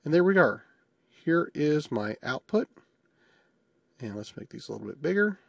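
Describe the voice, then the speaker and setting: Husky man narrating a software demo. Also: a little high, big pitch swings, moderate pace, no echo, clean studio sound. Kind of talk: screencast tutorial narration.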